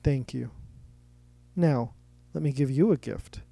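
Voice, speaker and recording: A man voicing a calm, possessive male collector who speaks in a soft, measured way. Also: mid-range voice, gravelly, no room sound.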